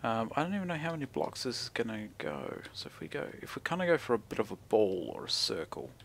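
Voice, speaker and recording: A young man with a broad New Zealand accent commentates on his gameplay from a room at home, thinking aloud in a laid-back, slangy way with mumbled asides. His mid-range voice is very animated and fast, with vocal fry. A gaming video creator, recorded with slight background noise.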